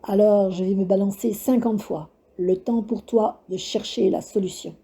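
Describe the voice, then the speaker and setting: A woman's voice: medium pitch, steady tone, mellow, slightly rough. A woman doing a creepy ancient witch. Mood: taunting. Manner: slow, sing-song, mocking. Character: ancient skeletal witch on a swing, cruel and taunting. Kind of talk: storybook reading.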